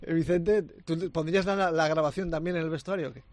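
Emphatic male radio host, higher voice. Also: fairly even intonation, brisk, a little mellow, a little hiss or hum. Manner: direct, emphatic, moderates panel. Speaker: radio sports show host. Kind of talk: lively studio debate.

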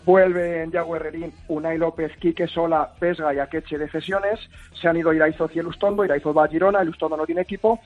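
A man phoning in a quick football report over a crackly phone line, rattling off lists of names. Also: fairly high pitch, steady tone. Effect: tinny, crackly phone line. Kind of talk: quick radio sports report. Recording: tinny phone line with faint music.

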